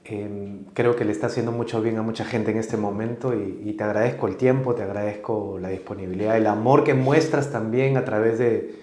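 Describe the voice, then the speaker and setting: A man from Peru hosting a family show, speaking softly and gratefully to his guest. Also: on the low side, steady tone, fairly quick, roomy sound. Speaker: host. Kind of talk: interview wrap-up.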